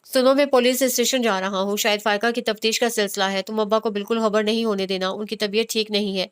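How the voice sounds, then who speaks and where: A woman reading a worried young man who gives hurried, reassuring instructions. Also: mid-range voice, steady tone, clear, resonant tone, natural voice. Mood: urgent.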